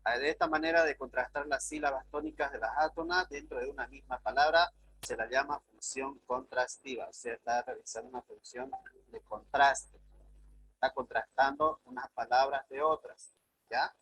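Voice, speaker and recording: A man's voice: mid-range voice, steady tone, moderate pace, a bit bright, low-quality recording. A man from Bolivia teaching a class, explaining grammar and calling on students with short prompts. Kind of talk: classroom instruction.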